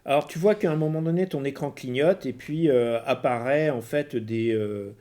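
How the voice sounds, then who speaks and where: A man with a mid-pitched voice narrates a tabletop game as game master. He improvises as he goes, hesitating and searching for words. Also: normal speed, darkish tone.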